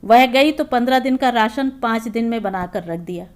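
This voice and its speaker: A woman voicing a sharp-tongued, complaining middle-aged housewife in a storybook reading. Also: on the high side, moderate pace, smooth, close to an everyday voice. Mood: dismissive. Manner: sarcastic, complaining.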